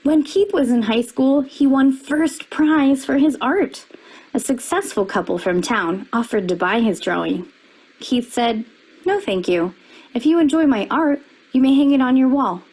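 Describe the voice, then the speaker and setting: A woman reading a children's picture book aloud, with expressive storybook delivery that rises for quoted lines. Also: high-pitched, measured pace, slightly rough, poor audio.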